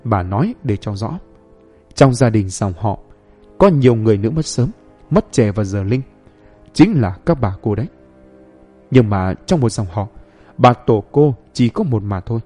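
Male narrator doing an old woman healer, slow and commanding. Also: lowish voice, lively intonation, warm tone, soft background music. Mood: gentle.

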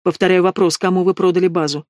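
A man voicing a cold, menacing male bandit boss in an audiobook, mocking and low-voiced. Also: flat delivery, fast, darkish tone, dry recording, studio quality, natural voice. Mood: contemptuous. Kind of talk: audiobook reading.

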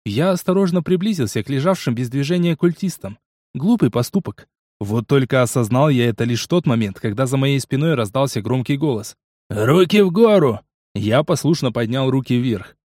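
A man's voice: mid-range voice, a little mellow, no echo. Man narrating an audiobook, dry sound. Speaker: audiobook reader. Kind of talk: scripted first-person narration.

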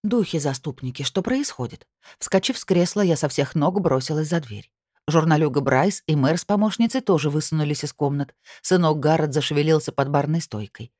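A woman reading a first-person audiobook with an expressive, lively delivery. Her voice is low, and the recording is dry, close and studio-clean. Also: a little fast, no room sound. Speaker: narrator.

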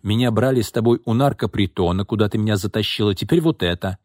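A man's voice: lowish voice, quick pace, darkish tone, no room sound, clean studio sound, lightly acted. A man voicing an irritable young man in an audiobook, speaking grumpily and sharply. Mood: irritated.

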